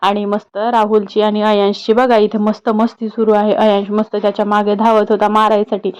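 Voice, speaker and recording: A woman's voice: mid-range voice, monotone, a little fast, a little mellow, lo-fi sound. A young woman vlogging at home on a phone, chatting to viewers and coaxing a toddler in a sing-song way. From Sakoli, Maharashtra. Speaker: family vlogger. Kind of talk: casual home vlog. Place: family home indoors.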